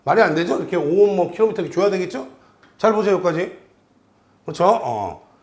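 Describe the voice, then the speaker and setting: Male lecturer, high, lively voice, keeps quizzing students; roomy echo. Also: fast talker. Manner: animated, questions students constantly. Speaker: exam prep instructor.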